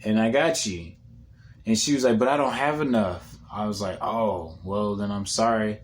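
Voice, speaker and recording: A comedian telling a rambling, profane story in a casual monologue, often dropping into a low mutter when repeating what was said. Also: male voice, normal speed, slight background noise.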